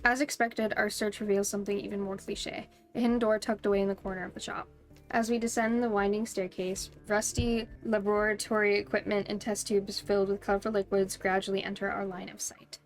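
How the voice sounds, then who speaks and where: A woman's voice: medium pitch, little pitch movement, a little fast, faint music behind. A woman streaming a game, reading its text aloud and breaking into bubbly, giggly, playful asides.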